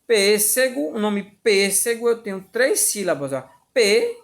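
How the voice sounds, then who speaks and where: A woman with a Brazilian Portuguese accent teaches a lesson at an unhurried pace. Her voice sits at an ordinary middle pitch. She repeats points patiently and keeps checking that her students follow. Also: big pitch swings. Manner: patient, repetitive, checks understanding often. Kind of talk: classroom lesson explanation.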